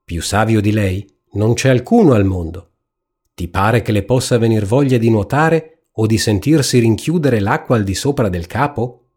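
A man's voice: on the low side, moderate pace, darkish tone, slightly rough. A man reading a storybook aloud, voicing a fussy, self-important hen who lectures in an ironic, preachy way. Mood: scolding.

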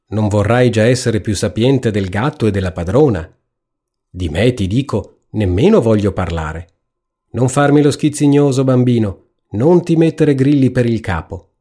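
A man's voice: on the low side, unhurried, mellow, breathy edge. A man reading a storybook aloud, voicing a fussy, self-important hen who lectures in an ironic, preachy way. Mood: scolding.

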